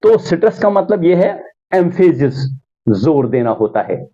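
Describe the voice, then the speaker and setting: Slow, deliberate male English tutor. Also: fairly high pitch, sing-song, mellow. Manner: slow, deliberate, drawing out example words; mixes Hindi-Urdu explanation with English examples. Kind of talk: classroom lesson on pronunciation. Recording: dull, lo-fi sound.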